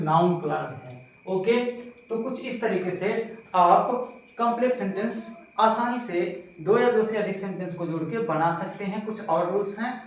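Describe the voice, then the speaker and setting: A man teaching a slow grammar lesson to pupils, repeating points and asking them questions. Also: high-pitched, far from the mic. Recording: very echoey room, voice from off-mic.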